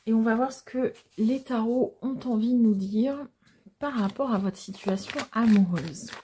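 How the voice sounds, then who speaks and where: A woman giving a casual tarot reading to viewers, explaining the cards gently and hesitantly with frequent pauses. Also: a little high, husky. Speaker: tarot card reader.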